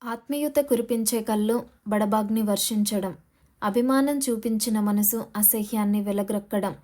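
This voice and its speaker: Female audiobook narrator, warm mellow voice, steady and dramatic reading. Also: mid-range voice, moderate pace. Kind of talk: scripted novel narration.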